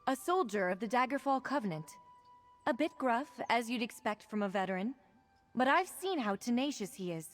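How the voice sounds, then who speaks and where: An actress voices a caring, slightly stern healer woman from a fantasy game. Her voice sits a little high and she speaks in a measured, polite, earnest manner. Soft music plays under her. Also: expressive, close to an everyday voice. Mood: calm, explaining. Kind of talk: video game quest dialogue.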